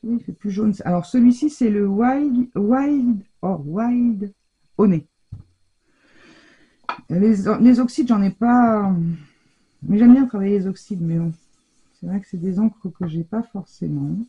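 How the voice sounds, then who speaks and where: At a medium pitch and moderate pace, with long pauses and a breathy edge, a woman walks through a casual scrapbooking tutorial at home in a muffled recording. She's chatty yet hesitant, using lots of fillers and tripping over English product names.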